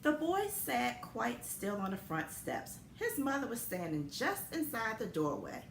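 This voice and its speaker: A woman principal reading a picture book aloud to children, with expressive storytelling. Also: a little high, unhurried, creaky, a little hiss or hum. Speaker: school principal. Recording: echoey room.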